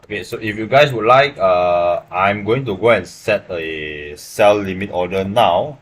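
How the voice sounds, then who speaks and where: A man's voice: deep voice, a little slow. A young man from Malaysia with a Malaysian English accent, casually walking viewers through his trades on a live stream and often checking in with "right?". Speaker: livestream forex trader. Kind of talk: live trading stream commentary. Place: small room indoors.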